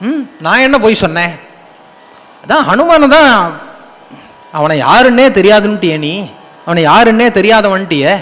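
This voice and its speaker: A man voicing a calm divine king who gently accuses his wife of lying. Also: high-pitched, moderate pace, pauses often, in a large hall. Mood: chiding.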